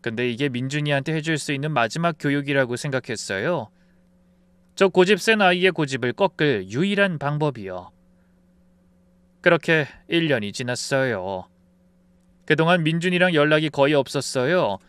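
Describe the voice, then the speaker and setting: A man reading a first-person story aloud in a calm, confessional manner. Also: on the high side, moderate pace, smooth, no echo. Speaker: story narrator.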